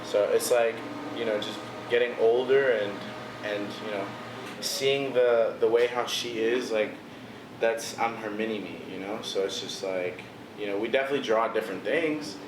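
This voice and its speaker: Speaking at normal speed with a fairly low pitch, a young DC-area man, a visual artist, is an interview guest. His casual talk is relaxed and packed with "bro" and "you know," captured in an echoey space where background noise is noticeable.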